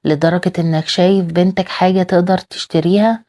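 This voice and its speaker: A woman's voice: lowish voice, fairly even intonation, fast talker, dark tone, lightly acted. A woman with an Egyptian accent reading the lines of a bitter, defiant young mother. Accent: Egyptian Arabic.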